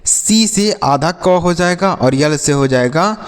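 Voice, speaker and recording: A man with a fairly high voice teaches an English phonics lesson and talks to the class as children. He slows down to spell out letters and answers his own questions. His voice trails off in a long, hall-like reverb. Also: lively intonation, clear, resonant tone. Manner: repeats questions and answers them himself, addressing children.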